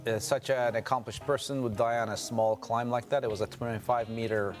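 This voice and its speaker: A man from Turkey, a guest in an interview, telling his story in a measured, reflective way. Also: medium pitch, fairly even intonation, faint music behind. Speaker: guest adventurer. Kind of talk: interview answers.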